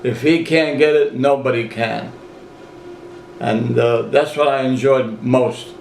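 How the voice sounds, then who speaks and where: An elderly man in his eighties shares memories in a casual interview. He talks like a folksy storyteller, repeating phrases and quoting conversations, with a medium-pitched voice in an echoey room. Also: steady tone, takes it slowly, vocal fry, a little mellow, a little hiss or hum. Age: 80s. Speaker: interviewee, grandfather reminiscing. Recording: roomy, echoey home recording.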